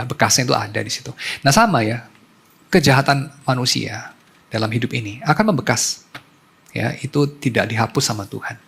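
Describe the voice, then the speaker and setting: A man's voice: mid-range voice, creaky, fairly bright tone, husky. A man preaching a sermon as a pastor, in a conversational storytelling way, mixing in English terms.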